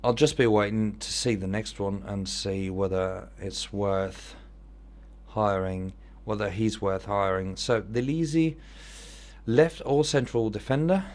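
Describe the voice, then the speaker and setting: A man's voice: lowish voice, a little slow, darkish tone. A man with an Italian accent giving casual commentary on an online football manager game, thinking aloud as he weighs his choices.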